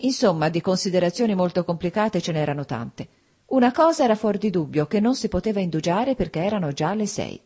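Breathy, low-voiced woman narrator. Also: lively intonation, brisk, mellow. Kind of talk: audiobook reading of a classic novel.

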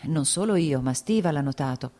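An agitated, exasperated noblewoman and mother, as a woman reads her aloud. Her voice sits low and mellow, and she scolds and frets with quick emotion. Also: expressive. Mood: confiding. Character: Dolly, harried aristocratic mother, exasperated.

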